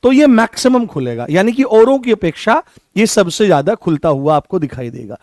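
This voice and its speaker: High-voiced male Hindi teacher drilling students. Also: very animated, moderate pace, a little mellow, no room sound, studio quality. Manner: repetitive, drilling questions to students. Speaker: Hindi teacher for exam prep. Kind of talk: classroom lecture.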